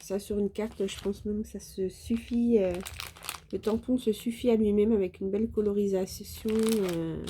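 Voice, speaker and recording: A French woman shows off her craft purchases in a casual, hesitant way, often pausing on fillers and stumbling over words. Her voice is very warm and mellow. A faint hiss sits underneath. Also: mid-range voice, fairly even intonation. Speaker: craft vlogger. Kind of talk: casual show-and-tell haul.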